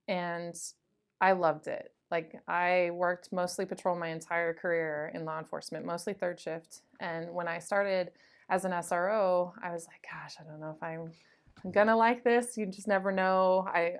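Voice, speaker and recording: A woman's voice: on the low side, moderate pace, clean tone. Chatty woman deputy telling stories. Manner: chatty, lively anecdotes with frequent "like" and "um". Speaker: school resource officer, deputy. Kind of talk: casual interview storytelling.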